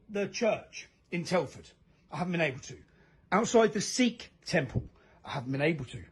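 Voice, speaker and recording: A man's voice: high voice, slightly rough. A man giving emphatic, accusing commentary over photos.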